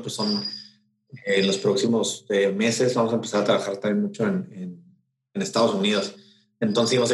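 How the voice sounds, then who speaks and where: Brief: Mexican man, low-ish voice, casual interviewee, rambles through fillers, roomy echo. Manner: rambling, many fillers and restarts. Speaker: event promoter.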